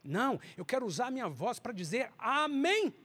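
A man teaching a lesson on praise and worship, fervent, sometimes breaking into loud singing. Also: sits high, big pitch swings, fast talker, husky.

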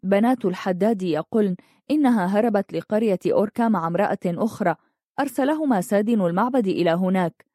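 A woman reading the lines of a secretive palace maidservant who talks in a hushed, urgent way. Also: mid-range voice, fast, no echo, studio quality, natural voice. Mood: plain.

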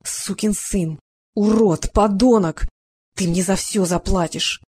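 A woman's voice: medium pitch, slow, darkish tone, husky. A woman doing a determined young heroine. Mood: furious. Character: determined young woman, daughter of a police chief.

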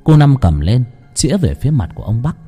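A man narrating a ghost story in a dramatic, highly expressive storytelling manner. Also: fairly quick, breathy edge. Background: faint music.

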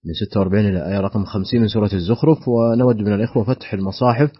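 A man's voice: on the low side, very fast, slightly rough, no room sound. A man hosting a radio call-in lesson, welcoming listeners, giving the phone number and asking the teacher questions, on a dull lo-fi recording. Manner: welcoming, announces and asks questions. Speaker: radio program host.

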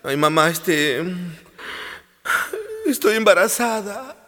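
A man's voice: high voice, lively intonation, slow, bright, forceful tone, exaggerated voice. A man doing a shy, timid young daughter. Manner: timid, hesitant. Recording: long hall reverb.

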